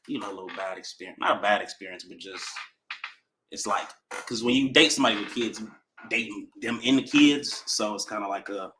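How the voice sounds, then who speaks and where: A man's voice: on the low side, a little hiss or hum. Hesitant young man on a video call. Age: 20s. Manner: trailing off, soft, hesitant. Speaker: caller on a dating stream. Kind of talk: casual chat.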